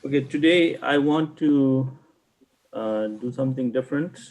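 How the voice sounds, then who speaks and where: A man leading an informal online class, speaking haltingly as he thinks aloud. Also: mid-range voice, a little mellow, poor audio. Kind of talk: informal online lesson, chatting with students.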